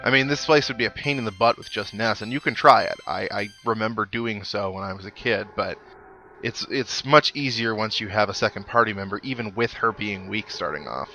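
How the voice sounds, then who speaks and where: A young man with a fairly low, pushed and bright voice talks a little fast as a video game let's player. His commentary is casual, rambling and self-deprecating, with game music playing behind him.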